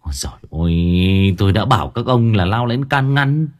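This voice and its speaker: A man's voice: lowish voice, animated, moderate pace, close to an everyday voice. A man voicing a fussy, flustered young man who leads two lackeys. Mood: exasperated.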